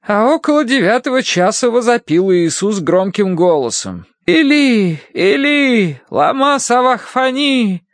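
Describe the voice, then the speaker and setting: A man voicing a stern, pious older woman who reads scripture aloud slowly and gravely. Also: high voice, lively intonation, dry recording, studio quality, pitched above the performer's own voice. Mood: declaiming. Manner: slow, grave, declaiming.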